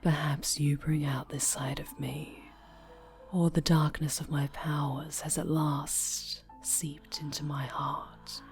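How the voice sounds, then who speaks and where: Low-voiced, slow possessive villainess played by a woman, breathy whisper, menacing and cloying, over faint music. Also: little pitch movement. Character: possessive fallen-hero woman villain with shadow powers. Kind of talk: whispered audio roleplay.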